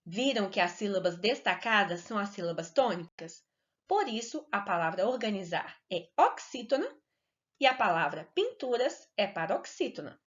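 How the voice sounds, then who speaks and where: Woman teacher for kids' video lessons: bright sing-song delivery, deliberate syllable stretching, muffled low-fi sound. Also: big pitch swings. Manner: slow, clear and sing-song, stretching words to stress syllables. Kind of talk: recorded lesson for children. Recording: dull lo-fi recording.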